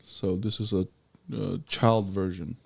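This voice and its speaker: A man's voice: low-pitched, fairly even intonation, measured pace, gravelly, a little mellow, husky. A man co-hosting a casual movie review podcast, who talks bluntly and swears freely. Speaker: podcast co-host.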